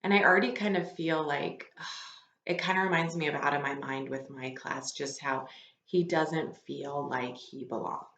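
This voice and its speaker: Measured and fairly even in intonation, a woman with a deep, slightly bright voice reads aloud to a class, adding explanations and questions for the students. The recording echoes and lacks high frequencies.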